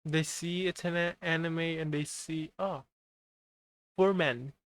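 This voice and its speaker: A man reacting casually, halting and repeating his words. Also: a little high, steady tone, smooth. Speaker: reaction youtuber.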